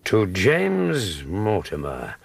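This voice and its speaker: An actor playing an earnest, slightly huffy British doctor and detective's companion, with a husky, gravelly voice, in a radio drama. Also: male voice, fairly low pitch, huge pitch swings, drawn-out words, dry recording, soft background music, exaggerated voice. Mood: earnest deduction. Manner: reasoning aloud, wry, easily piqued. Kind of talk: naturalistic radio drama dialogue.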